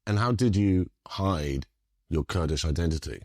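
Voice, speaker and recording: A man's voice: sits low, animated, normal speed, a little mellow, no echo, clean studio sound. A man hosting a podcast, delivering scripted introductions and interview questions. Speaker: podcast host, documentary producer.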